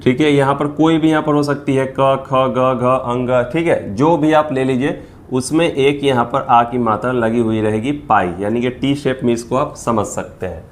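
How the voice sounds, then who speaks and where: A man's voice: mid-range voice, moderate pace. A man with an ordinary mid-range voice leads a beginner lesson on the Hindi vowel signs. He talks patiently and repeats each sound again and again, drilling it for the learners. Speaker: teacher.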